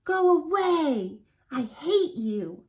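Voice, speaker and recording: An upset little boy from a storybook, as a woman reads him aloud. His voice rides high and swings widely as he pleads, taking his time over the words. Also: very animated, measured pace. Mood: angry. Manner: high, pleading, shouting when angry.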